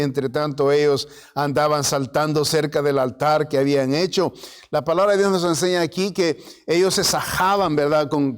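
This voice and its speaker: A male pastor preaching a sermon in a conversational way, often checking in with "¿verdad?" and in words. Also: fairly high pitch. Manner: conversational preaching, frequent "¿verdad?" tags, mixes in English words.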